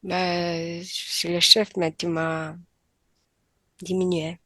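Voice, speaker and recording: A woman in a hypnotic trance, voicing a defeated alien chief in low, subdued, halting speech. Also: flat delivery, pushed and bright, no room sound, exaggerated voice. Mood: defeated, pleading.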